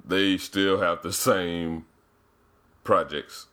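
Man, very deep voice, podcast co-host, casual joking chat. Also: steady tone, very slow, a bit bright. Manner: laughing, joking asides.

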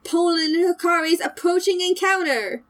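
A woman's voice: very high voice, moderate pace, fairly bright tone. A woman hosting a podcast in casual chat, recapping in a rambling way that drifts into tangents. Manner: rambling, digressive. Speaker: podcast host.

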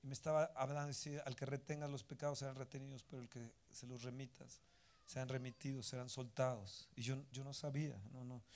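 A man preaching a sermon, firing rhetorical questions and breaking into sudden loud outbursts. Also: medium pitch. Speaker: pastor.

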